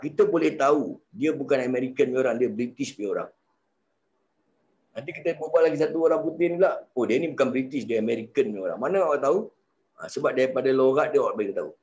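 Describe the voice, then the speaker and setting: A man with a Singaporean Malay accent giving a Quranic studies lecture, lively and often asking the class rhetorical questions. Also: medium pitch, muffled recording. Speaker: religious teacher.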